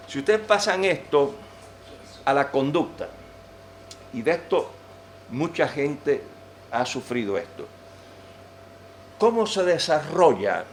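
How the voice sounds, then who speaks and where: A man from Venezuela gives an animated, humorous lecture to a church audience, with a mid-pitched voice. The room is roomy and reverberant. A faint hum sits behind him.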